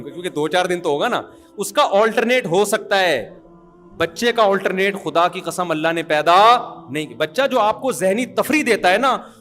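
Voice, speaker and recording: High-voiced man preaching with humor. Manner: animated storytelling with laughter. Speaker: Islamic preacher. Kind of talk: humorous sermon anecdote.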